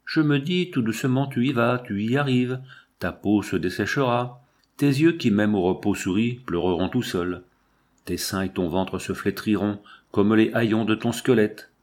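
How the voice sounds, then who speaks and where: A man's voice: lowish voice, moderate pace, darkish tone, close to an everyday voice. A man reading the part of an anguished woman who laments aging and death, in a mournful, impassioned recitation.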